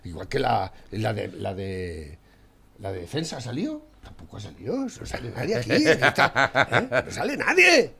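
A man from Spain ranting furiously about politics, swearing and shouting insults. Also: medium pitch, sing-song, normal speed, gravelly, crowd noise. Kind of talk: profane political rant.

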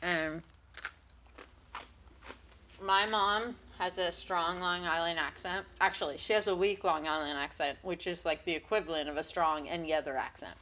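A woman's voice: on the low side, normal speed, bright, forceful tone, slight background noise. A woman co-hosting a casual chat podcast, telling loose stories with frequent ums and casual swearing. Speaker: podcast co-host.

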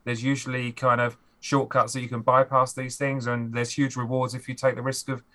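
A man's voice: mid-range voice, level tone, fairly quick, bright, forceful tone. A man, a game designer guest on a podcast, talking animatedly and acting out players' reactions. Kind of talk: podcast conversation.

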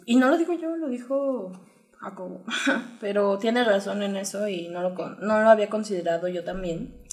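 A woman's voice: mid-range voice, normal speed, a little mellow. A woman co-hosting a podcast, reading listener questions and joking with her co-host, laughing often. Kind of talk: casual podcast chat. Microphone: podcast microphone.

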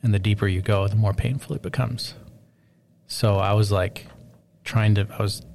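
A man telling a long personal story in casual chat, rambling and animated, full of fillers. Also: lowish voice, moderate pace, creaky, slight background noise.

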